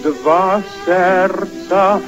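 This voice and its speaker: A man's voice: high voice, steady tone, extremely slow, music in the background. A man singing a waltz song as a tenor, heard on an old worn archival tape recording. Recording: dull lo-fi archive recording with band.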